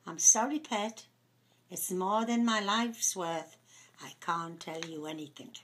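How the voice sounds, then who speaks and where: This woman, an amateur reader, works through a dramatic dialogue read-through in North East England's Houghton-le-Spring pitmatic accent. Her voice sits on the low side with a fairly bright tone and a measured pace.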